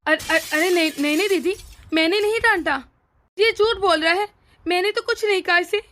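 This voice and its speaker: A woman voicing a meek, gentle young bride in a cartoon, soft-spoken and pleading. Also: very high-pitched, a little fast, a little hiss or hum. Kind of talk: cartoon voice acting.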